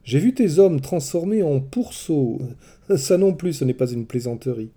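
A man's voice: fairly high pitch, animated, normal speed, warm tone, breathy edge. A man voicing a young male messenger god who speaks earnestly and insistently, in a storybook reading.

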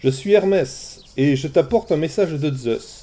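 A man's voice: on the high side, measured pace, mellow, pitched above the performer's own voice. A man doing a breezy, charming messenger god. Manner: light, bantering.

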